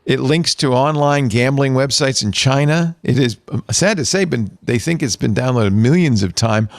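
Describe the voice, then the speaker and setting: A medium-pitched man hosts a tech podcast at a moderate pace, reading out news articles and adding wry asides in a casual, chatty way. The studio-quality recording has no room sound.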